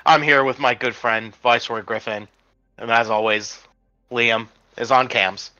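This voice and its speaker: Guy casting a game online, rambly and jokey, lots of ums, sharp bright voice. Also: medium pitch, steady tone, measured pace, lo-fi sound. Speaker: esports caster. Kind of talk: play-by-play commentary.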